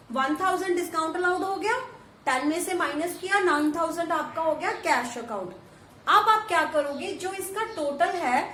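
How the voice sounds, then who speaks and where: A woman's voice: high voice, fairly bright tone. A woman teaching an accountancy lesson, explaining step by step and answering her own questions. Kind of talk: classroom lecture. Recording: echoey room with faint hiss.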